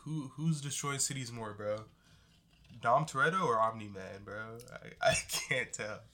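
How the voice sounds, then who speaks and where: A man's voice: medium pitch, unhurried, sharp tone. A young man co-hosting a casual movie chat in laid-back, profane frat-bro slang. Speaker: podcast co-host.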